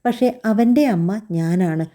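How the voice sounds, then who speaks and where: A woman voicing a young new mother who speaks softly and with restraint but stays firm. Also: fairly low pitch, measured pace, close to an everyday voice. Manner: soft, restrained.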